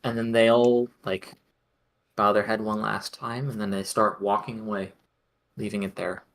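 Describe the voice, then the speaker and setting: A man's voice: lowish voice, flat delivery, normal speed. A man narrating a tabletop game as game master, chatty, with frequent laughs and many fillers.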